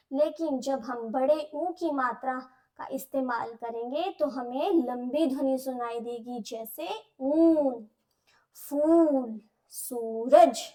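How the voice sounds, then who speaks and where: Woman teacher, high voice, unhurried, sounds out syllables for young kids. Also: darkish tone. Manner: slow, syllable-by-syllable explanations to young children. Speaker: primary school Hindi teacher. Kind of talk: lesson.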